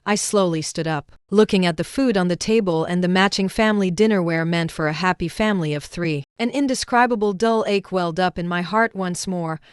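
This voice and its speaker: A woman narrating a scripted first-person story in a steady, even read. Her voice is smooth and resonant. It sounds close and dry. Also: fairly low pitch, a little fast, hardly any pauses, no echo.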